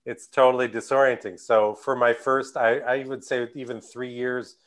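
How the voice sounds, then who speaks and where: A man's voice: medium pitch, level tone, moderate pace, fairly bright tone. An American man from the Midwest speaking at a conference panel over a video call, hesitant, with many fillers and restarts. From United States Midwest. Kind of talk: conference talk answering questions.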